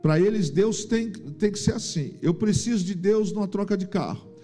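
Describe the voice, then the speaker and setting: A middle-aged Brazilian man preaching a sermon in church with emphatic, animated delivery. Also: sits high, normal speed, soft background music. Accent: Brazilian Portuguese. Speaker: pastor.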